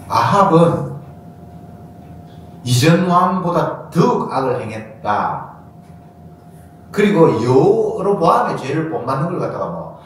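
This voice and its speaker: A man preaching a sermon as pastor, animated and acting out quoted voices with sudden high bursts. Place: church sanctuary. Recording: echoey church hall from far off, faint noise.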